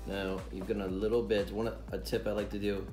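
Brisk and level in tone, a man whose voice sits on the low side leads children through a playful how-to demonstration, with music in the background. He's a pastor in his thirties at a home dining table who repeats each instruction patiently, recorded by a camera placed on the table.

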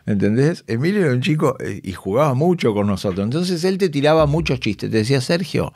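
Lively Rioplatense man telling stories. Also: medium pitch, fast talker, dry recording, clean studio sound. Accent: Rioplatense Spanish. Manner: animated, acts out voices of colleagues, laughs often. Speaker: guest, actor and comedian. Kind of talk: casual anecdote telling. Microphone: studio microphone.

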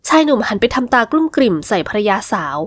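A woman narrating a romance novel in smooth, scripted storytelling. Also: on the high side, lively intonation, fast, no echo. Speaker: audiobook narrator.

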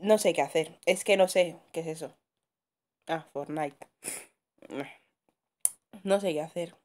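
A woman's voice: low-pitched, takes it slowly, darkish tone. A woman casually commentating a horror game, swearing a lot, muttering under her breath and screaming when startled. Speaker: gamer streamer.

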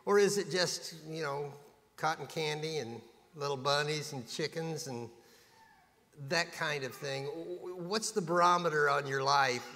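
A man's voice: on the high side, unhurried, sharp tone. A man preaching a sermon in a church, in a folksy, conversational way with touches of humor. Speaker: pastor. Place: church sanctuary. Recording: long reverb of a church hall.

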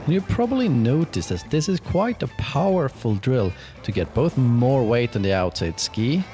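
A man's voice: medium pitch, sing-song, normal speed. A man narrating a casual ski lesson as its instructor. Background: prominent music.

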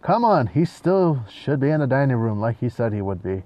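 Joking man narrating gameplay, lively pitch. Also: moderate pace. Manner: joking, sarcastic, talks back at the game. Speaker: gameplay commentator. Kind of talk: casual gameplay commentary.

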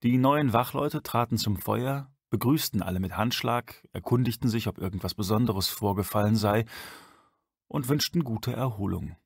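A man reading a dark science-fiction audiobook aloud in a measured way. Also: lowish voice, vocal fry, slightly rough, no room sound, studio quality. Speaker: audiobook narrator. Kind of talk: scripted narration.

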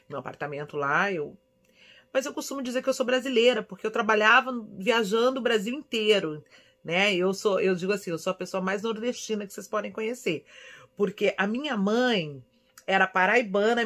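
A vlogger in her forties from São Paulo, speaking with a Brazilian accent in a mid-range voice, chats casually and warmly while answering viewers' questions. She's expressive and conversational, recording in a small indoor room at home.

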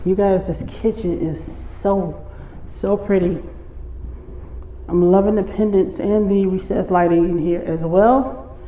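Breathless, slow-talking woman vlogger. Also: mid-range voice, steady tone, narrow, tinny audio. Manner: admiring, addressing viewers. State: short of breath. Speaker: vlogger touring a show home. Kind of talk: casual walk-through vlog narration. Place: walking through an empty or staged house and its yard. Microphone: handheld phone held by the person filming. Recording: echoey rooms, light background noise.

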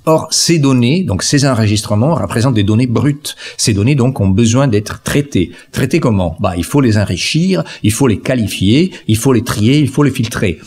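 A man's voice: mid-range voice, animated, normal speed, few pauses, darkish tone, husky. A man giving an academic lecture to an audience, talking through slides with frequent hesitations and fillers. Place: lecture hall.

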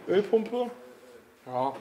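Male garage vlogger, high-pitched, easygoing chatter, faint noise floor. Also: very animated, extremely slow, warm tone, highs cut off. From Italian family background. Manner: chatty, laughs often, frequent "ne?" tag questions. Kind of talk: casual chat.

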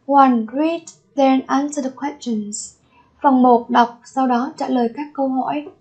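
High-voiced woman teaching English words. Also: steady tone, a little mellow, rough recording. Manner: repeats each word slowly, then glosses it. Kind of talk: vocabulary lesson.

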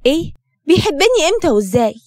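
A woman with an Egyptian accent voicing a hurt, tearful young woman in an animated story. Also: sits high, fast. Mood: upset.

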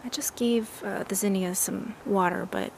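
A woman giving a casual walking tour of her backyard garden, relaxed and admiring, thinking aloud with some fillers. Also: medium pitch, normal speed, vocal fry, a little hiss or hum.

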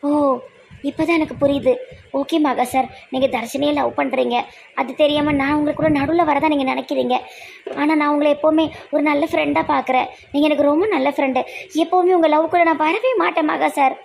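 A woman's voice: high voice, steady tone, brisk, creaky, a little hiss or hum. A woman playing a doctor in a comedy skit, scolding and hurt, close to tears.

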